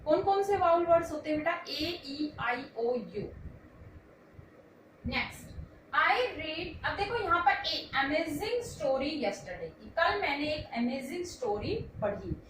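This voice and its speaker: एक महिला शिक्षिका अंग्रेज़ी व्याकरण धैर्य से समझाती हैं, खुद सवाल पूछकर खुद जवाब देती हैं और बच्चों को बेटा कहती हैं।. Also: female voice, high-pitched, big pitch swings, measured pace, echoey room, far from the mic, noisy background. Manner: explains patiently, asks questions and answers them herself, calls students "beta". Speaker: English teacher. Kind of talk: classroom grammar lesson.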